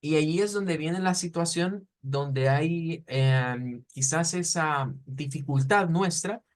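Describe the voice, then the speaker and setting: A German teacher whose first language is Spanish leads an online lesson in a slightly high voice. He's patient and explanatory, repeating sounds slowly so students can copy the pronunciation.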